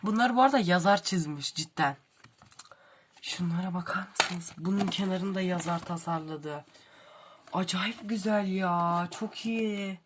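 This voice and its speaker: A woman's voice: fairly low pitch, unhurried. Gushing young woman unboxing books. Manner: gushing, exclaims over every detail. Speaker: book vlogger. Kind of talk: book unboxing vlog. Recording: clear background noise.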